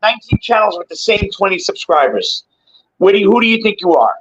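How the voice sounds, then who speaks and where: Over dull, lo-fi livestream audio with noticeable background noise, a guest in his sixties chats unscripted in a high, very animated, brisk voice with a fairly bright tone. His talk is streetwise and loose, full of swearing and sprinkled with bro, dude and man.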